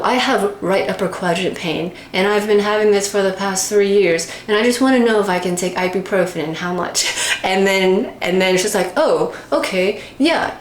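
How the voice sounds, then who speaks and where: Rambling woman telling a story. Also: on the low side. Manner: animated, acts out quoted lines with sudden yelps; rambling, lots of fillers. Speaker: video creator. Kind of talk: casual storytelling. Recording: echoey room, faint background noise.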